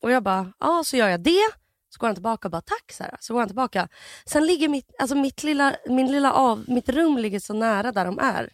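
A woman's voice: fairly high pitch, lively intonation, dry recording, clean studio sound. A young woman co-hosting a podcast, telling a story animatedly with lots of fillers and acted-out quotes. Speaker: podcast co-host.

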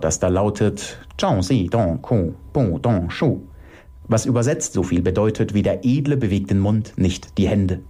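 Dramatic male slam poet with a dark, lively voice. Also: fairly low pitch. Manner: dramatic, wordplay-heavy recital. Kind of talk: stage poetry performance.

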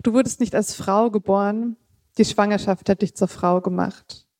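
A woman reads her own literary prose aloud, measured and steady, now and then slipping and correcting herself. Her voice is mellow and warm rather than bright. The sound is dry and close, with no room echo. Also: mid-range voice. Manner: measured reading with occasional slips and casual asides. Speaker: author reading her own text.

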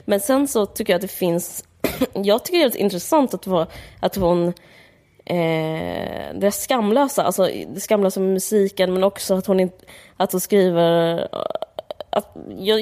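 A woman with a fairly low voice chats about a book. She rambles loosely with lots of filler words. Her remarks are blunt and a little mocking. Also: darkish tone. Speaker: podcast co-host discussing a book. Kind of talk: casual chat.

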